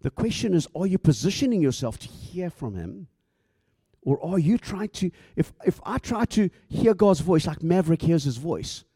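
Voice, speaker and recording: Man, middle-aged, pastor, conversational sermon, acts out dialogue, stumbles and repeats words, dark mellow voice, dry close sound. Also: a little high, sing-song, normal speed, slightly rough, no echo.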